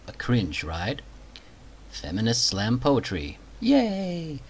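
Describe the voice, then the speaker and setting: A man's voice: fairly low pitch, a little slow, slight background noise, low-quality recording. A man hosting a reaction commentary video, talking in a sarcastic, mocking way.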